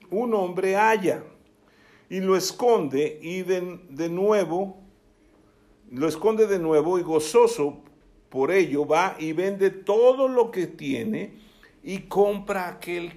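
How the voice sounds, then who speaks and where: A male preacher giving a sermon, reading scripture aloud and often checking in with his listeners. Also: on the high side. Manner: keeps asking the listeners "¿sí?"; reads scripture aloud with emphasis.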